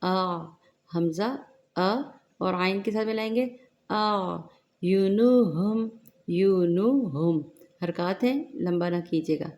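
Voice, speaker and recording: A woman teaching Quran recitation in a tajweed lesson, explaining each rule slowly and deliberately between drawn-out recited words. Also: on the low side.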